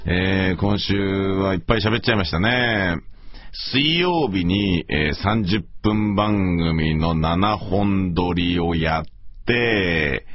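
A middle-aged man with a hoarse, gravelly voice, rambling casually and self-deprecatingly as he hosts a solo radio talk. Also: low-pitched, slow pace, dry recording. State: morning hoarseness after heavy talking. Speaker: radio show host and voice performer. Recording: slightly dull, lo-fi audio.

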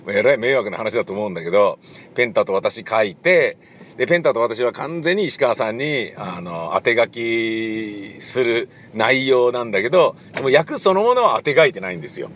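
A man's voice: medium pitch, a bit bright. A man giving a casual solo monologue about writing his play, rambling with many fillers and now and then acting out the voices of the people he quotes. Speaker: playwright and director.

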